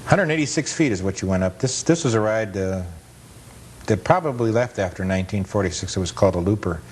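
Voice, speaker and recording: Heard through rumbly, noisy 1980s cable TV audio, a man narrates old footage with plenty of detail and anecdote, casual and matter-of-fact. He's a guest film collector and amusement park historian, with a husky, darkish voice, brisk pace, and lively intonation.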